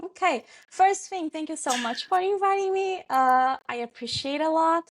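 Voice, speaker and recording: A Brazilian woman in her 20s, a French teacher, answers interview questions in an unhurried, thoughtful way, saying "um" often. Her voice is extremely high and animated, with a little hiss or hum in the recording.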